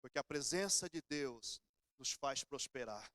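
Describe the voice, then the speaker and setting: A man's voice: medium pitch, lively intonation, measured pace, a bit bright, no echo, studio quality. A middle-aged Brazilian man preaching a sermon in church, telling everyday stories in a conversational way. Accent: Brazilian Portuguese. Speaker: pastor.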